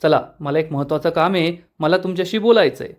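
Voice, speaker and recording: A man voicing an irritated young wife in a spoken serial recap, in his own high voice with a scolding delivery. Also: quick pace, natural voice. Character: angry young wife, annoyed and stubborn.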